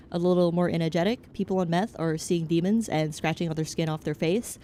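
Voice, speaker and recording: A chatty young woman with a slightly low voice talks casually to her stream chat. She rambles from topic to topic, frank and joking. A faint hiss sits under her voice. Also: mellow. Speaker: VTuber streamer. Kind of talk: casual chat, answering chat while gaming.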